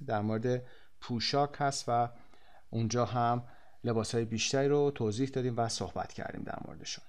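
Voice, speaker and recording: A man with a Persian accent, a native Persian speaker, recording an English lesson for a textbook, explaining and then saying English words and model sentences slowly and deliberately. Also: mid-range voice. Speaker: English teacher.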